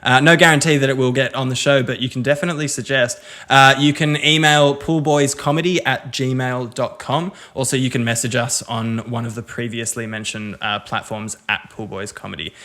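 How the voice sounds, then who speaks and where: Man, podcast co-host, bright tone, casual plugs with dry asides. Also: medium pitch, steady tone, brisk, few pauses. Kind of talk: casual comedy podcast chat.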